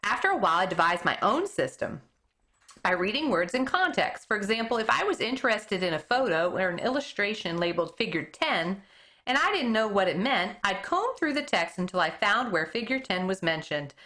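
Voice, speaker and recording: An elementary school teacher reads a chapter book aloud to her class in a bright, ringing voice, her pitch swooping freely as she tells the story. Her expressive reading now and then stumbles on a word, which she corrects as she goes.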